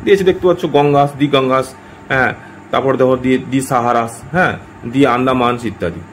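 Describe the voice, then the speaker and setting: A man's voice: medium pitch, quick pace, a little hiss or hum. A man teaching a grammar lesson, often checking in with his listeners and repeating himself as he corrects his wording. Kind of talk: explanatory lesson.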